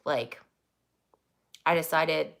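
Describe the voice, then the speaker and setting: Low-voiced woman chatting casually. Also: very slow, creaky. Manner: rambling, swears freely, laughs often. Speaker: YouTuber. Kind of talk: casual livestream chat.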